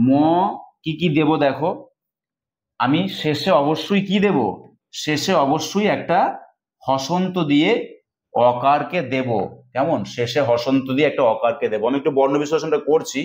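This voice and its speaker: A man's voice: fairly high pitch, moderate pace, long pauses. Man teaching in an echoey room. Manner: explains step by step, asks and answers his own questions. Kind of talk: exam-prep lesson. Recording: echoey, dull lo-fi room sound.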